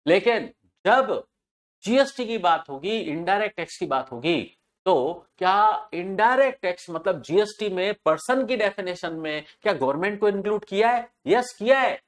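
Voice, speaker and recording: A man's voice: high voice, expressive, moderate pace. Man lecturing on tax, repeating key points. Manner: asks rhetorical questions and answers them, repeats key terms. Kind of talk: classroom lecture.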